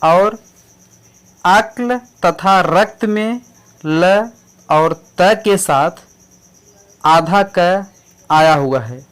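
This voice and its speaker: A man teaching English pronunciation, spelling out words letter by letter in a slow, deliberate way. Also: on the high side, clear, resonant tone. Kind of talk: explaining English pronunciation in Hindi.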